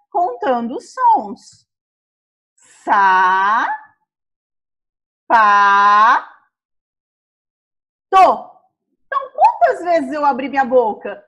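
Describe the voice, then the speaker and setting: A Brazilian woman teaching a primary school class, sounding out words slowly syllable by syllable. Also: high voice. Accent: Brazilian Portuguese. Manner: slow, syllable-by-syllable explaining.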